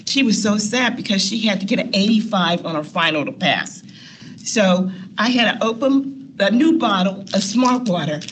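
Her medium-pitched, expressive voice comes at a normal speed over slight background noise. As a nurse educator on a panel, she sits at a long meeting-room table telling personal stories, often laughing and performing quotes.

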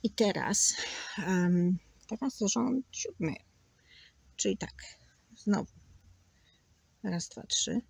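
A woman's voice: medium pitch, animated, very slow, gravelly, long pauses, husky, dry recording. A woman teaching a crochet tutorial, patiently counting stitches aloud and sometimes dropping to a near whisper. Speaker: crochet instructor.

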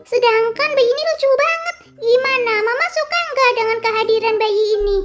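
A woman's voice: very high-pitched, a little fast, soft background music. A woman voicing eager little children in a game role-play story, pleading and chattering. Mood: puzzled, explaining. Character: eager little kids who found a baby.

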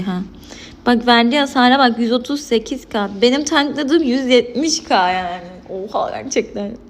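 A woman's voice: mid-range voice, slight background noise. A young woman streaming a mobile game, chatting casually and exclaiming and laughing at the action. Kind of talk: casual gameplay commentary.

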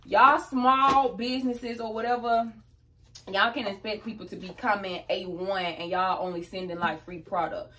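A woman's voice: medium pitch, fairly even intonation, moderate pace, bright, forceful tone, distant mic, slight background noise. A young mother, chatting playfully and casually to viewers at home. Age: 20s. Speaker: vlogger, mother. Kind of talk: casual chat. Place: home, living room.

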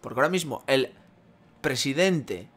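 A man's voice: mid-range voice, lively intonation, moderate pace, a bit bright. A man streaming a football career mode game, chatting casually with viewers, swearing and breaking into mock rants at chat. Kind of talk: casual gaming commentary to chat.

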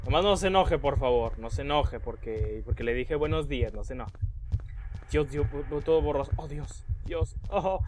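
A young man giving excitable let's play commentary, yelping and squealing when scared. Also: medium pitch, normal speed, slight background noise. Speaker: gaming YouTuber.

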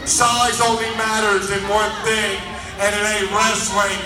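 A young man giving a boastful, taunting wrestling promo in a shouted delivery. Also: sits high, level tone, unhurried. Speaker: professional wrestler. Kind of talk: wrestling promo to a live crowd. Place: large auditorium with stage and wrestling ring, indoors. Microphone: handheld mic over PA, captured by distant audience camera. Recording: echoey hall PA, recorded from far off. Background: crowd noise, music.

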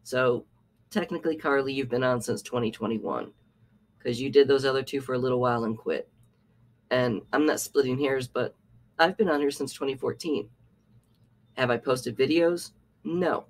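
A man's voice: medium pitch, moderate pace, pauses often. A man hosting a reaction commentary, talking in a sarcastic, scolding way. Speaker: commentary channel host.

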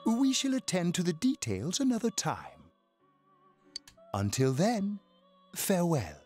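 A man's voice: high-pitched, wildly swooping pitch, unhurried, darkish tone, heavily acted. A man playing an eerie, amused old fortune teller in a video game, speaking theatrically and portentously. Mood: solemn, courteous. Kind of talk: scripted video game dialogue. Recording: game audio over background music.

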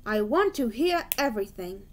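A woman voicing a kindly, stout male railway boss in a children's storybook reading, calm and approving. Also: fairly high pitch, normal speed, a little hiss or hum, close to an everyday voice. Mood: pleased.

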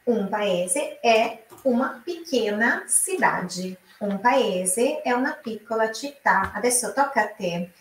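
A woman from Brazil teaching an online Italian lesson, explaining slowly and repeating each example aloud. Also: fairly high pitch, animated, reverberant, distant mic, slight background noise, rough recording.

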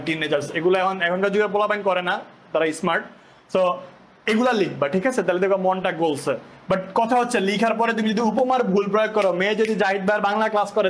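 A man's voice: high voice, fairly bright tone. A young man from Bangladesh, speaking as an online tutor, teasing his students and firing questions at them. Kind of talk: live online class lecture.

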